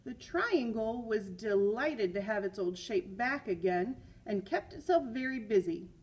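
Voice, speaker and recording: Reading a picture book aloud to students, a woman speaks in an unhurried, slightly high voice with some huskiness, and the audio is poor. She delivers it expressively, stressing and repeating key words, with chatty teacherly asides between passages.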